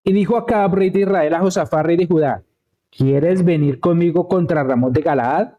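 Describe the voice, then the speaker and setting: A man's voice: on the high side, moderate pace, narrow, tinny audio. A man preaching a conversational sermon, telling a Bible story and checking in with the congregation. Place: church.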